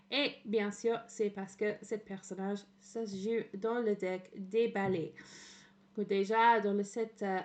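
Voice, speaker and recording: Casual French streaming commentary comes from an Englishwoman whose mid-range voice is a little mellow and whose accent is clearly English. She's hesitant, says "euh" constantly, tosses in English words and laughs frequently.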